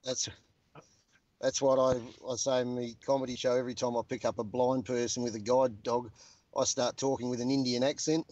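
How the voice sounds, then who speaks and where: A man's voice: mid-range voice, level tone, brisk, darkish tone, muffled recording. A middle-aged man bantering crudely as a guest in a casual chat.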